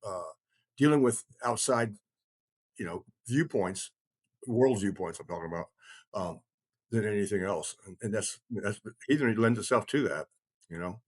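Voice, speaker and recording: An older man, identified as a kindred chieftain, speaks in a fairly low, husky voice. He's in casual podcast conversation, rambling yet emphatic, using blunt, salty language.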